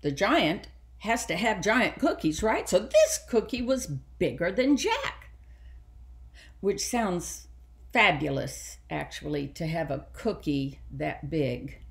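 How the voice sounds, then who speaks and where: A woman librarian telling a children's story aloud, animated and asking the children questions. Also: lowish voice, slow, gravelly.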